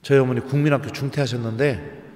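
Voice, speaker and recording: Animated priest in echoey church. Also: male voice, medium pitch, fast talker. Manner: storytelling, animated, uses dialect endings for humor. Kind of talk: sermon.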